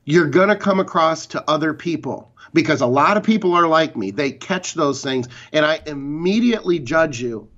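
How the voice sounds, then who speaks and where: A man's voice: on the high side, expressive, moderate pace, few pauses, fairly bright tone. Opinionated man with a muffled sound. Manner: opinionated, talks in long run-on explanations, swears casually. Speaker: podcast co-host. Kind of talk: casual chat.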